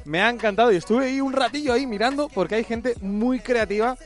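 A man co-hosting a casual podcast, reacting with animated enthusiasm. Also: very high voice, fast talker, soft background music. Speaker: podcast co-host.

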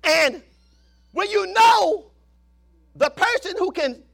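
Pastor, male, 50s; very high, bright gravelly voice, lively sermon delivery that drops from shouts to near whispers. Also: slow pace. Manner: swings between shouted preaching and hushed asides.

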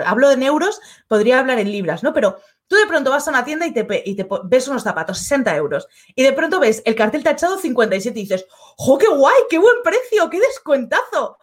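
A woman with a Spain Spanish accent, hosting a casual live stream and reading out viewers' comments. She is chatty and acts out little everyday dialogues. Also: high-pitched. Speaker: online course creator and live-stream host.

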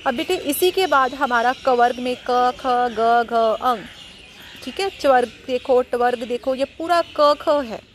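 A woman's voice: sits high, a little hiss or hum. A woman teacher, patiently explaining letters to pupils she calls 'beta', stretching out each example word. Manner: addresses pupils as 'beta', drawn-out example words, reassuring. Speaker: Hindi teacher. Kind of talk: slow, patient classroom explanation. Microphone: audio recording for students.

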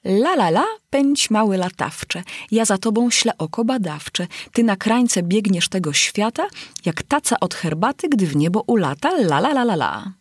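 A woman's voice: medium pitch, sing-song, moderate pace, dry recording, clean studio sound, voice pushed up. A woman voicing a whimsical, rambling male hatter at a tea party in a storybook reading. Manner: rambling, sing-song.

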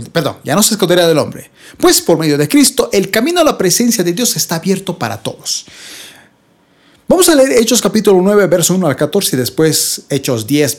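A Bible study teacher who reads scripture slowly and expressively, then explains it plainly, addressing the listeners as brothers and sisters. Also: medium pitch, darkish tone.

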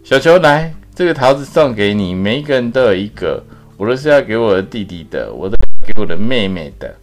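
A man voicing three naive, friendly little mice in a bedtime storybook, with a higher, eager, chirpy voice. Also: expressive, fairly quick, soft background music, natural voice. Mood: cheerful.

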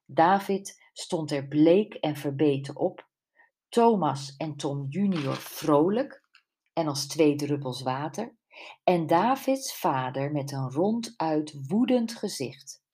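A woman reading a mystery audiobook in a calm, measured way. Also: low voice, husky. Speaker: audiobook narrator. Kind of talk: scripted audiobook narration.

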